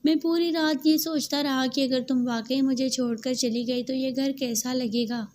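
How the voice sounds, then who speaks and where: Repentant young husband, earnest and soft, a high mellow voice from a woman reading the part. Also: steady tone, a little hiss or hum, close to an everyday voice. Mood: tender. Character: stern young husband turning tender, man.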